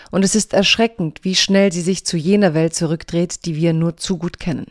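A woman reading her own diary essay aloud for a podcast, in a measured, earnest manner with deliberate pauses. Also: fairly low pitch, a little mellow, dry recording, studio quality.

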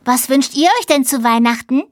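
A woman reading a storybook, voicing a cheerful, slightly timid little girl in a soft childlike voice. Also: sits high, normal speed, no room sound, clean studio sound, voice pushed up, natural voice. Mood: friendly.

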